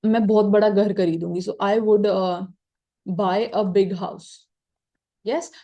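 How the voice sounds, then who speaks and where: A woman's voice: mid-range voice, warm tone. A woman teaching English grammar, chatty and asking and answering her own questions as she works through examples.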